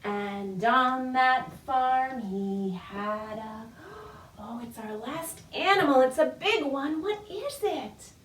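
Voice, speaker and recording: Speaking slowly with a high, lively voice, a woman leads a children's storytime in a playful, encouraging, sing-song way. Her phrasing is simple, aimed at babies and their parents. It's a recorded virtual session in an indoor room, captured by a distant microphone with plenty of echo.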